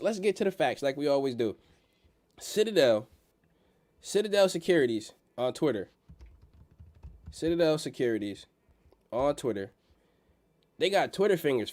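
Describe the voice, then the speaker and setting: A man's voice: on the high side, a little mellow. A man with a blocked-nose nasal sound hosting a casual livestream on the stock market, talking in slang and repeating phrases for emphasis. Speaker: livestream host.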